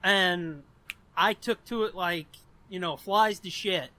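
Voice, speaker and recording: A podcast co-host in his twenties tells a story in a loose, rambling way, peppered with profanity. He speaks slowly in a high, sharp-toned voice.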